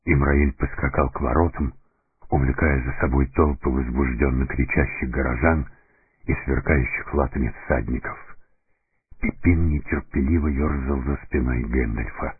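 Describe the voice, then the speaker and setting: Very deep, husky male storyteller. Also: steady tone, no echo. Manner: deliberate, dramatic storytelling. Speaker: narrator. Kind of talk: scripted audiobook narration. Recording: narrow phone-like sound, faint music.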